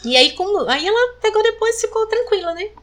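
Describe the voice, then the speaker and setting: Woman, from Maranhão, quick talker, animated, voices other people. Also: extremely high pitch. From Maranhão, Brazil. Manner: animated storyteller, acts out quoted voices. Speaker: interview guest. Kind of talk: personal story in conversation.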